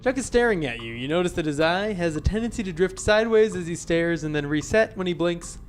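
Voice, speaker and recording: A man playing a video game, reading its text aloud with wry, deadpan asides. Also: high-pitched, fairly quick, soft background music. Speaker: let's player.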